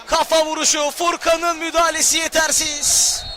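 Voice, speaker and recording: A man commentates live on football in a very high, excited voice. He is loud, and a clearly audible crowd and noise sit behind him. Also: moderate pace. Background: noisy football crowd.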